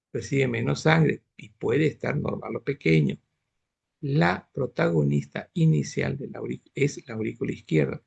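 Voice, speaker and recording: A man's voice: medium pitch, gravelly, a little mellow, slightly rough, dull audio. A man teaching medicine in an online class, explaining step by step and often asking his students if they follow. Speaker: medical lecturer.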